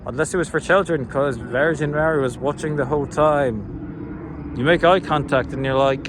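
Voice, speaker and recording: A man's voice: on the high side, moderate pace, noisy background. A man doing profane, rambling stand-up comedy.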